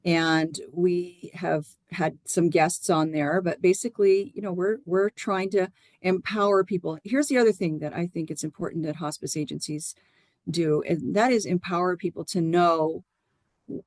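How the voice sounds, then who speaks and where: A woman's voice: on the low side, a little mellow, dry recording. A woman giving earnest, explanatory answers as a guest in a conversational interview. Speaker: podcast guest, hospice nurse and educator.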